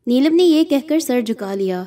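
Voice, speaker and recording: Woman reading out a spooky story, slow and steady, mellow tone. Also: high-pitched. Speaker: narrator. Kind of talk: storytelling narration.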